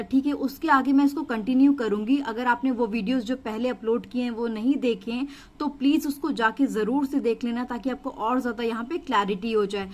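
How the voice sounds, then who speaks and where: A young adult woman teaching a stenography lesson, explaining step by step in a patient, repetitive way and often checking in with her students. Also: on the high side.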